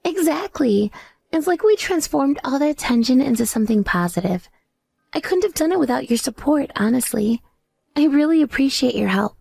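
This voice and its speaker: A woman's voice: high voice, expressive, moderate pace, vocal fry, a little mellow, slightly rough, no room sound, studio quality, exaggerated voice. A woman playing a grateful, effusive accomplice in a dramatized story of revenge. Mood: grateful, elated. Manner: effusive, modest.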